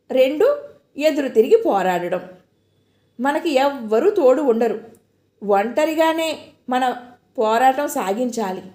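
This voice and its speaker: A woman voicing a young man who talks in a gentle, steady, reassuring way. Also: high voice. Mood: soothing. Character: young man, calm, caring friend. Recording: echoey room.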